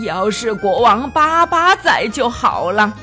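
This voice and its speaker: A woman's voice: fairly high pitch, sing-song, slow pace, sharp tone, soft background music, exaggerated voice. A woman voicing an anxious male elephant in a children's storybook, fretting to himself. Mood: worried. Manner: fretful, muttering to himself.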